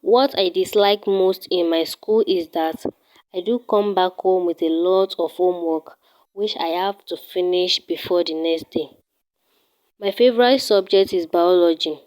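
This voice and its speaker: A student from Nigeria in her teens guides the listener around her home and through her daily routine, setting things out one by one. Her slightly low voice carries a Nigerian accent and a clean tone at a careful, measured pace, though the recording is low quality.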